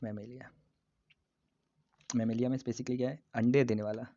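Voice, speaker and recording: A man's voice: medium pitch, level tone, dark tone. Playful male biology teacher. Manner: playful, repeats terms slowly, jokes with students. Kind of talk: casual exam-prep lesson. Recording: dull lo-fi recording.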